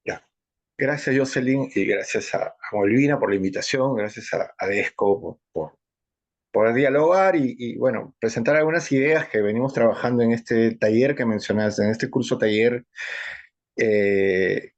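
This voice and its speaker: A man's voice: medium pitch, moderate pace, dull audio. Hesitant man giving a political talk. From Peru. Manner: hesitant, many fillers and restarts. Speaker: guest political analyst. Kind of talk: spoken lecture on politics.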